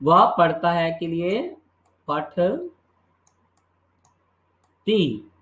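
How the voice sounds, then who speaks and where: A man's voice: sits high, lively intonation, normal speed, a bit bright, echoey room, poor audio. A man teaching Sanskrit grammar in a video lesson. He asks questions and answers them himself, and drills the endings by repeating them. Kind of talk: classroom-style video lesson.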